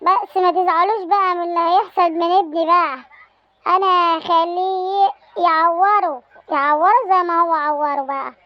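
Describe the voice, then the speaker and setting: Egyptian woman, indignant scolding mother, comedy sketch, very high pitch. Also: steady tone, moderate pace, no room sound. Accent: Egyptian Arabic. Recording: lo-fi sound.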